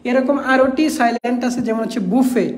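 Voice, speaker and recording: A woman with a somewhat high voice teaches an exam-prep English class. She spells each word out letter by letter and repeats the main points for her students. The room around her sounds echoey and roomy. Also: steady tone, fast, a little mellow, a little hiss or hum.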